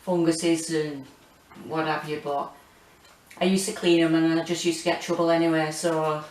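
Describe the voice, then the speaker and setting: A British woman in her forties chatting casually and hesitantly as she gives a rambling home gardening tour, with a monotone, self-deprecating manner. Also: sits low, moderate pace, rough recording. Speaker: gardening vlogger. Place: small home kitchen and windowsill, indoors.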